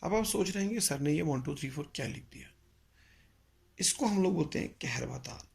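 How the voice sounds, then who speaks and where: A man teaching a music lesson, explaining slowly and patiently with pauses and mixing in English phrases. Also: on the high side, lively intonation, creaky, darkish tone. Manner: mixes English phrases into Hindi. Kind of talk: spoken lecture.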